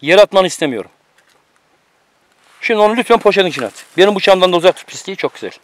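This is a man with a fairly high voice, recorded outdoors on a mountain through a camera microphone. He keeps up a casual, bossy running commentary. He teases and instructs the friend cooking beside him. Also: expressive, rapid-fire.

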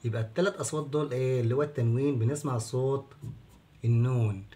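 A man's voice: medium pitch, warm tone. Egyptian guy teaching kids letters at a board, patient, asks then answers, stretches words way out. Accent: Egyptian Arabic. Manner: patient, asks questions and answers them, drags out words slowly. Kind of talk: children's whiteboard lesson.

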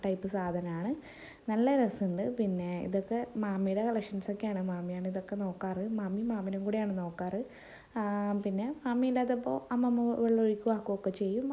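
A woman's voice: medium pitch, mellow, muffled recording. A woman narrates a family vlog in a chatty, rambling way, her voice wavering from a sore throat. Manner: chatty, rambling, speaking to viewers. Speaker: family vlogger. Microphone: phone.

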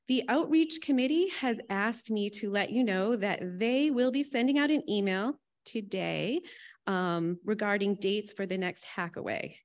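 A woman at a podium mic opens a conference with housekeeping notes and local fun facts. She is chatty and keeps slipping in little laughs and light jokes. Her pitch sits in the middle for a woman, and the sound is of a conference room. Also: a little slow. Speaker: conference host giving welcome address. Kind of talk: welcome speech with housekeeping announcements.

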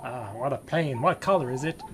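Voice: mid-range voice, brisk, slight background noise, lightly acted. An actor with a British accent playing a mild, wry vicar who has given up on religion for the free wine. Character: disillusioned boozy male vicar.

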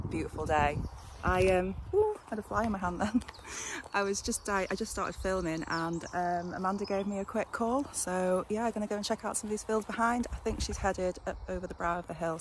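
Woman, casual vlog chat, chirpy, mid pitch, noisy outdoor phone recording. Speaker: metal detecting vlogger. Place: outdoors in a grassy field campsite. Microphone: phone at arm's length.

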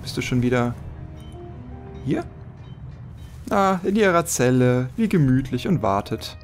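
A man's voice: mid-range voice, big pitch swings, measured pace, soft background music. A man giving casual, joking game commentary as a let's player, thinking aloud as he plays.

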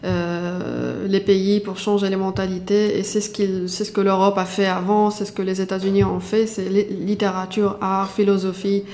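A young woman with a Moroccan accent in French, giving halting, conversational interview answers with repeated words. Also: medium pitch, fairly even intonation, mellow, a little hiss or hum. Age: young adult. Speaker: interview guest, artist. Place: small radio-style studio. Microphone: desk microphone with pop filter.

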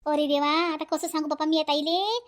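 A woman with a Vidarbha Marathi accent voicing a timid, frightened village woman in a cartoon, speaking softly and hesitantly. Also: high-pitched, steady tone, fairly quick, close to an everyday voice. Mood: fearful. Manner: fearful, hesitant, soft.

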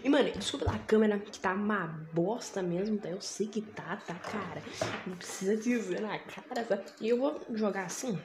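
A woman's voice: medium pitch, moderate pace, background noise. A woman with a Brazilian Portuguese accent hosting a casual, profane let's play of a horror game, laughing along. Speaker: gaming channel host. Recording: echoey room, game music behind.

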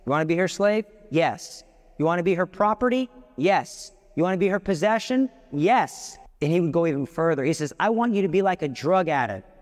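A man with a high voice preaches to an audience in a large hall, and his words ring with long reverb. He is passionate and emphatic, lifting and dropping his voice sharply and tossing in joking asides. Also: expressive, fairly quick. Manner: passionate and emphatic, with big swings in pitch. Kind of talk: live devotional talk.

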